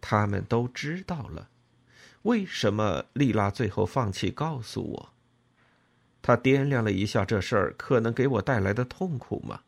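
A man narrating an audiobook in an expressive, emotional storytelling manner. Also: fairly low pitch, normal speed, creaky.

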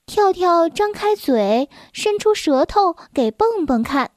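A woman reads a bedtime storybook aloud in a gentle way, her voice very high and her pace slow. The sound is close and dry, with no room around it. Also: big pitch swings, dry recording. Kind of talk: children's storybook narration.

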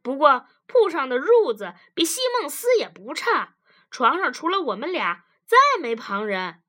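A woman voicing a stubborn, defensive working-class husband in a storybook reading, talking loud and blunt with folksy turns of phrase. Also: sits high, big pitch swings, measured pace, voice pushed up, heavily acted. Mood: blustering.

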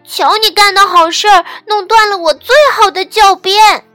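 A woman's voice: sits high, expressive, a little slow, sharp tone, dry recording, soft background music, exaggerated voice. A woman voicing a bossy young girl playmate who likes to brag, in a commanding, teacher-like tone, for a storybook reading. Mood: angry. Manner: commanding, schoolteacher tone.

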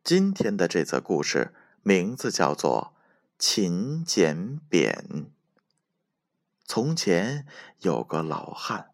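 A man with a deep, low voice reads a bedtime story aloud to children. He takes it slowly and gently, and his pitch rises and falls in a lively, sing-song way. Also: no echo, studio quality.

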